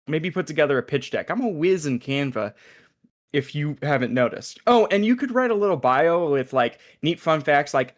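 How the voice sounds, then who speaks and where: In a sci-fi comedy table read, a man plays a smug, chatty, scheming agent with a glib, dramatic manner who stammers when cornered. His voice sits a little high, close to how he'd normally talk.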